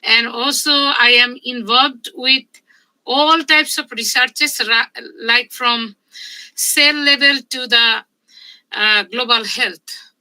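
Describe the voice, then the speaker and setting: A woman in her fifties, a medical researcher giving a conference talk in a halting, measured way with frequent pauses. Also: fairly high pitch, steady tone, pushed and bright, rough recording. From Bangladesh. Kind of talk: conference presentation.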